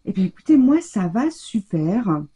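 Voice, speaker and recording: A woman's voice: medium pitch, sing-song, unhurried, dark tone, slightly rough. A middle-aged woman hosting a casual craft tutorial, chatting along with many fillers and hesitations as she shows her work. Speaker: crafting channel host.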